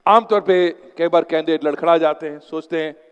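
Male, motivational seminar talk, storytelling, fairly high-pitched, lecture hall with long reverb. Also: fairly even intonation, fairly quick, smooth, dull audio. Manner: storytelling, mixes English phrases into Hindi. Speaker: motivational speaker and exam coach.

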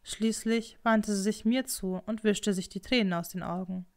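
A woman reading an audiobook in calm, scripted narration. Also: medium pitch, normal speed. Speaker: audiobook reader.

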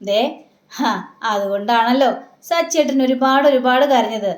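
A woman's voice: high-pitched, moderate pace, echoey room, lightly acted. Woman doing a sulky, teasing young wife. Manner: teasing, scolding questions.

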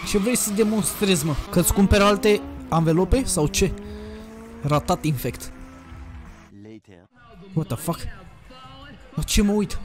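A young man giving crude, excitable commentary on a racing game he is playing, with sudden shouts, into a desk microphone at home. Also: high-pitched, pauses often, music in the background. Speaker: gaming youtuber. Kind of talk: casual gameplay commentary. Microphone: desk USB microphone.

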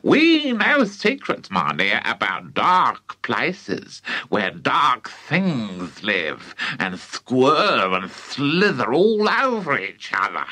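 Man putting on a high, slow, relishing old witchy granny, menacing, husky, bright and forceful, storybook villain. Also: wildly swooping pitch, no echo, heavily acted, low-quality recording. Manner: slow, relishing, creepy drawl.

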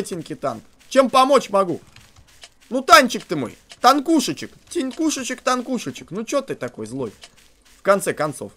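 A man giving crude, joking let's play commentary on a horror game, swinging from muttered asides to shouting at the character. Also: a little high. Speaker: game streamer.

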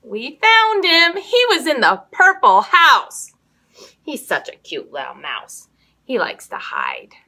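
An American woman, probably in her thirties, leads a children's library storytime in a small indoor room hung with fabric drapes. Speaking slowly in a high-pitched, sing-song, expressive voice to young children, she runs interactive games and reads picture books.

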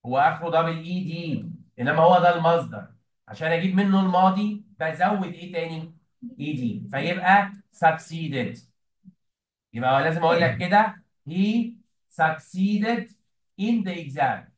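A man's voice: on the high side, brisk. A man with an Egyptian Arabic accent teaching an English lesson to a classroom of students, often prompting them with questions. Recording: echoey room, mic at a distance.

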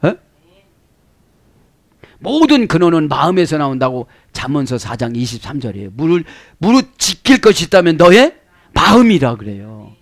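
A man preaching an expository sermon as pastor, animated, constantly prodding listeners with "eh?" and swinging between loud emphasis and low asides. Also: moderate pace. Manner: animated, prodding the congregation with repeated "eh?".

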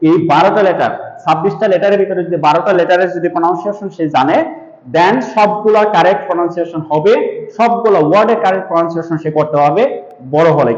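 High-voiced man teaching grammar, echoey. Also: lo-fi sound. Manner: explanatory, repeats "দেখেন" often, drills example sentences slowly. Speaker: English teacher. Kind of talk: spoken grammar lesson.

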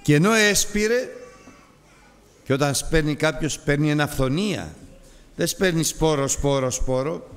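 A man delivering a sermon with a slightly higher-pitched voice. His delivery is impassioned and emphatic, building phrases through repetition and rising intensity. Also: fairly even intonation, clear, resonant tone, big-room sound. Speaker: preacher.

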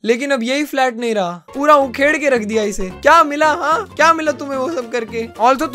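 A man's voice: extremely high pitch, a bit bright. A young man with an Indian accent giving joking, self-mocking commentary while playing a game, mixing English into his talk. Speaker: gaming YouTuber. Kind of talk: casual gameplay commentary.

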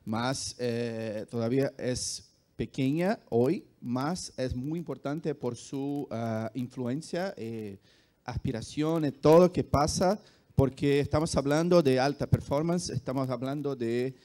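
Brazilian man, mellow, halting Spanish speaker. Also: mid-range voice. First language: Portuguese. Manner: halting, searching for words in a second language. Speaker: esports executive, panelist. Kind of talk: live panel answer. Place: large auditorium stage, indoors. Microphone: handheld microphone.

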